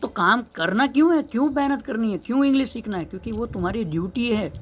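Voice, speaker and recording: A man's voice: extremely high pitch, expressive, fast talker, slight background noise. A man, an English teacher, giving an earnest motivational lesson, asking rhetorical questions and repeating key phrases.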